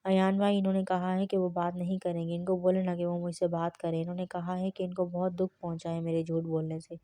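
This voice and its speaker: A woman voicing a tearful, innocent young bride who pleads softly in a read-aloud novel. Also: lowish voice, flat delivery, no echo, natural voice. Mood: pleading.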